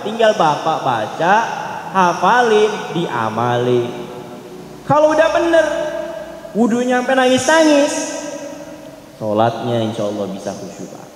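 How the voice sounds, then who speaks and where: Male preacher, earnest direct sermon delivery, heavy room echo. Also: extremely high pitch. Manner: earnest, addresses listeners directly. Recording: roomy hall with long reverb.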